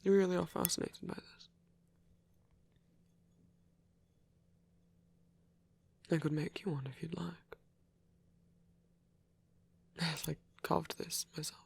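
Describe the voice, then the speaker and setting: In an intimate ASMR roleplay, a performer plays a devout, caring male vampire priest whose very breathy voice is often whispered with a creaky edge. Gentle and reserved, he speaks thoughtfully in measured, slightly formal phrases at a medium pitch, in a steady tone with an exaggerated delivery.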